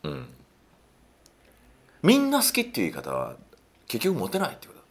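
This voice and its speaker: A man talking through dating advice in a casual monologue, animated and acting out little quotes, with a self-affirming "un" between points. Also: normal speed. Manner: animated, swoops widely in pitch, acts out quotes.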